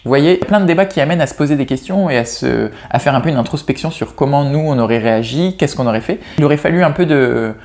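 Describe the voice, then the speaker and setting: A man's voice: fairly high pitch, lively intonation, quick pace, gravelly, few pauses, a little mellow. A man reviewing novels in a casual, chatty way, often restarting his sentences and poking fun at himself. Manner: hesitant, frequent restarts and self-corrections; chatty and self-mocking. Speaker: book reviewer. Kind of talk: casual chat about novels.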